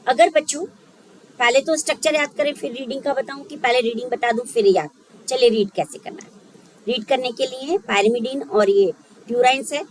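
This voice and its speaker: A woman's voice: high voice, slight background noise, poor audio. A woman teaching a biology lesson for exam preparation, thinking aloud and checking in often with her students. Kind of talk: exam-prep lecture.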